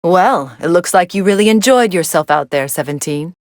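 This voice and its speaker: Android 18, low-voiced deadpan game commentator. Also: female voice, moderate pace, dry recording. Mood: dryly smug. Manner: deadpan, dry, aloof. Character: cool, sardonic young female android fighter commentating on battles. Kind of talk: video game fight commentary voice lines.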